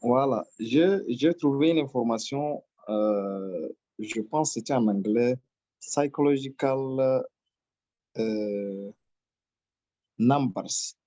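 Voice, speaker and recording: A man's voice: medium pitch, takes it slowly, mellow, dry recording, muffled recording. A man asking a trading question on a video call, speaking politely and hesitantly.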